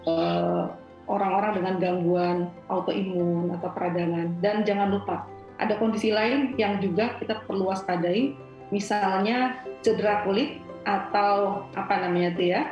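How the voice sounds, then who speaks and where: A woman's voice: medium pitch, fairly even intonation, moderate pace, roomy sound, dull audio, faint music behind. A woman, a doctor giving reassuring, conversational medical explanations as a guest.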